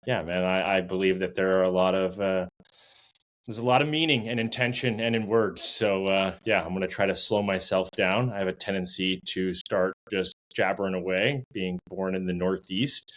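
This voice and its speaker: A man's voice: low voice, fairly even intonation, moderate pace. A young man from New Hampshire, an outfitter and guide, speaking earnestly and a little ramblingly as a first-time podcast guest. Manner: earnest, rambling, self-deprecating. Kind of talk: podcast interview.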